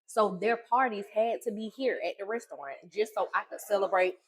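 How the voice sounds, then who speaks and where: A woman's voice: medium pitch, fairly quick, breathy edge, low-quality recording. Blunt, outspoken woman co-host. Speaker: co-host, restaurant owner. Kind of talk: casual chat.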